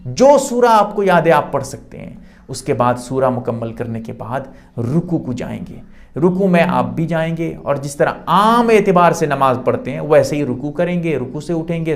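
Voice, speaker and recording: Male religious teacher, slightly high voice, patient step-by-step explainer with emphatic rises. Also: expressive. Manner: explanatory, repeats points, rises in pitch for emphasis. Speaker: Islamic teacher. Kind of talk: religious instruction.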